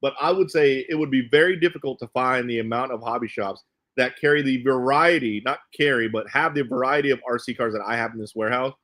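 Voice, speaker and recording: A man's voice: mid-range voice, quick pace, fairly bright tone. Rambling man chatting casually on a livestream. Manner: rambling, restates phrases. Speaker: host of an RC car channel. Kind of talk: casual livestream chat to viewers. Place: indoors in a cluttered warehouse.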